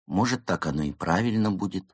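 A man voicing a quiet, simple male penguin who answers hesitantly. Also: low voice, expressive, brisk, husky, no room sound, clean studio sound. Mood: unsure. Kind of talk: audiobook character voice.

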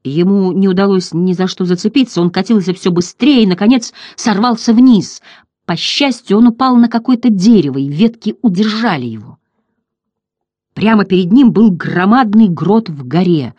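An expressive audiobook narrator tells a fantasy story with dramatic rises and falls. The voice sits in a middle pitch. The recording is dry and close. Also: normal speed, no room sound, muffled recording.

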